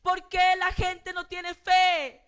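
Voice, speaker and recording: Woman preacher doing a grieving Jesus, slow, loud and pleading; high, strained questions. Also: monotone, soft background music, exaggerated voice. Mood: anguished pleading. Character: grieving, indignant Jesus pleading over unbelief.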